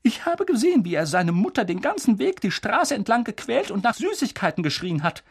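A reader voicing a stern older female witch professor, high-pitched and urgent, with a husky edge. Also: very animated, a little fast, dry recording, studio quality. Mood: indignant. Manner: urgent, pressing, high and insistent.

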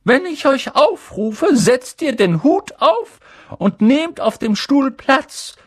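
A man voicing a strict older woman professor who announces loudly and formally. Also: very high-pitched, big pitch swings, slow, no room sound, studio quality, pitched above the performer's own voice, exaggerated voice. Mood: commanding.

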